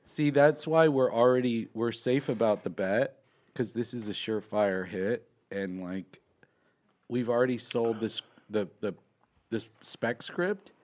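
A man co-hosting a comedy podcast, deadpan and earnest as he pitches an absurd show idea. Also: unhurried. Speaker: podcast co-host. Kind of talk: improvised comedy podcast banter.

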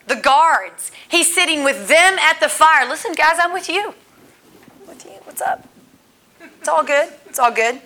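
A woman, giving an earnest, conversational Bible teaching and acting out the quotes. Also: fairly high pitch. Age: 40s. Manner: earnest, animated, acts out quotes. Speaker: women's Bible study teacher.

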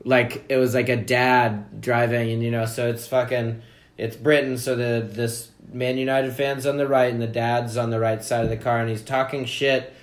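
A man's voice: mid-range voice, flat delivery, normal speed. A man co-hosting a soccer podcast, telling a rambling story in casual chat, heavy on swearing and fillers. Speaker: podcast co-host.

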